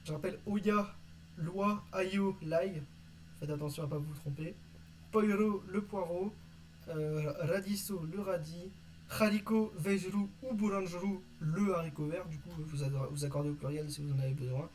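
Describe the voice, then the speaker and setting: Man, casual vocabulary lesson, hesitant with fillers, slightly high voice, faint background noise. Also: moderate pace, low-quality recording. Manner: reads word lists, hesitant with many "euh". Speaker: conlang teacher.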